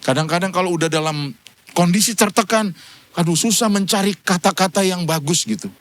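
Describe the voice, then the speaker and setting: A man's voice: high voice, fairly quick. A man, a pastor, giving a humorous church sermon, telling stories and acting out conversations with his wife, chuckling between points. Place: church service.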